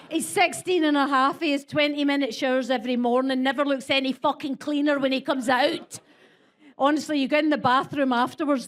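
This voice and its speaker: A Scottish woman in her forties doing a blunt, crude stand-up set. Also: high-pitched. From Scotland. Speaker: stand-up comedian.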